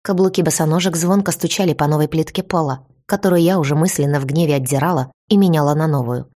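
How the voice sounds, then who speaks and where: A woman narrating a story in the first person, in a steady, even storytelling manner. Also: deep voice, quick pace.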